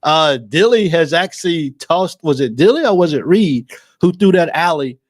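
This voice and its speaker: A man's voice: fairly high pitch, animated, moderate pace, no echo. Emotional, effusive man with a dry sound. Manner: emotional, effusive, repeats himself, restarts phrases. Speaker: livestream sports show host. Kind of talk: excited casual fan commentary.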